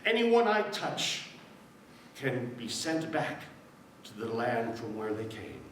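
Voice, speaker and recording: A man voicing a sly desert snake in a low, hushed, slow manner at a live storytelling. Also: big pitch swings, a little hiss or hum. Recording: echoey hall from far off.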